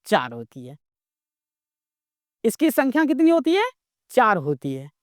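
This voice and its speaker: High lively voice, woman teacher from india, asks then answers her own questions, dry close sound. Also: measured pace, no echo. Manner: asks questions and answers them herself, repeats for drilling. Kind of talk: classroom grammar lesson.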